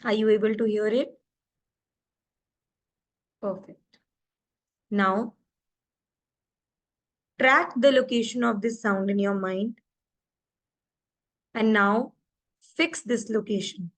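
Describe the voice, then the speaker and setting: A woman, a life coach, calmly leading a guided visualization exercise in drawn-out instructions that mix Hindi and English. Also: mid-range voice.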